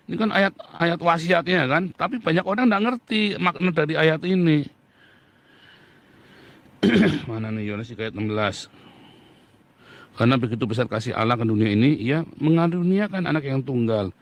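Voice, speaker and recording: A middle-aged man preaching a Bible lesson, reading scripture aloud and firing rhetorical questions with mocking imitations. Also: medium pitch. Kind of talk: sermon-style Bible teaching.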